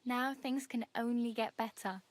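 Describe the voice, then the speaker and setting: A woman's voice: on the high side, steady tone, normal speed, close to an everyday voice. An actress playing a cheerful, chatty young female wanderer in a game. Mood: friendly. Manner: friendly, chatty, laughs easily.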